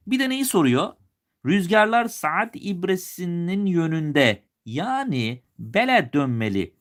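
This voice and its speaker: A male teacher from Turkey giving a live exam review lesson, with a slight regional lilt he puts on at times. He talks students through each question, asking and answering himself as he goes. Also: fairly high pitch. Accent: Turkish, with a regional lilt he puts on at times.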